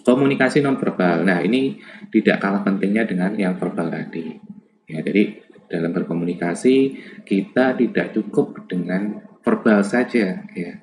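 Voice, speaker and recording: A man's voice: low voice, background noise. A man from Java giving an informal lecture on lab communication, chatty and full of fillers and tag questions. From Java, Indonesia.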